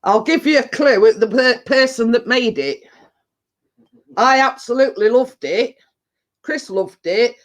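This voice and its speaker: Pausing often, this very high-pitched, animated man speaks unhurriedly. The Yorkshire livestream host is chesty and bunged up, still getting over a cold and chest infection, and chats to his live audience in a rambling, dialect-rich way.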